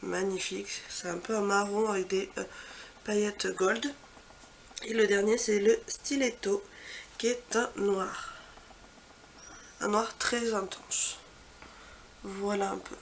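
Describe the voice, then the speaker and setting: Gravelly-voiced woman gushing over makeup. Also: medium pitch, fairly even intonation, slow pace, long pauses, slight background noise. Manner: chatty, trails off into soft quiet asides; gushing, repeats superlatives. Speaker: beauty vlogger. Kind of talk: casual product swatch walkthrough.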